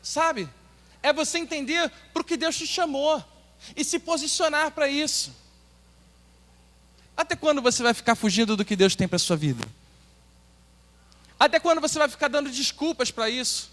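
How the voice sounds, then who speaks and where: High-voiced Brazilian pastor preaching in a hall. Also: male voice, animated, normal speed, long pauses, fairly bright tone. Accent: Brazilian Portuguese. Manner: earnest, urging, asks the congregation questions. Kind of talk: sermon. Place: church hall. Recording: long hall reverb.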